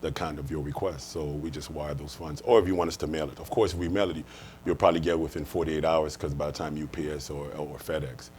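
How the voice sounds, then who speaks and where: A man's voice: rumbling low, flat delivery, fast talker, a little mellow, a little hiss or hum. A man from the United States explaining things earnestly in an interview, restating his points as he goes. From United States, born and raised. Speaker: life insurance manager, interview guest. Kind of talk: conversational interview answers, explaining.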